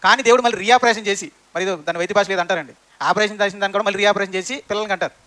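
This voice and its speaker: A male preacher delivers a sermon in church, putting question after question to the congregation. His voice sits high and bright, and he talks fast. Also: steady tone.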